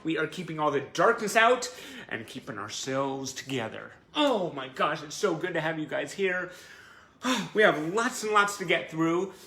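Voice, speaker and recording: On a casual livestream for his fans, a man plays host, gushing and encouraging in an effusive way. His fairly high voice is animated, pushed and bright, moving at a moderate pace. The indoor room gives a roomy echo over faint background noise on the live online stream.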